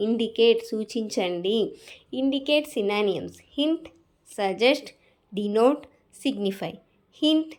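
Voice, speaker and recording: A woman with a Telugu accent reads out vocabulary words in a lesson. Her voice sits a little high, and her delivery is slow and deliberate. She says each word and then repeats it. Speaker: vocabulary teacher.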